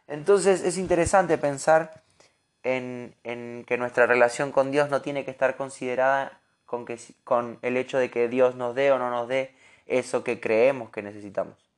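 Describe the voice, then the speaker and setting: A man with a Rioplatense Spanish accent delivers a devotional sermon in an earnest, animated way. He speaks at a middle pitch and often repeats a word as he restarts a thought. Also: moderate pace. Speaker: preacher.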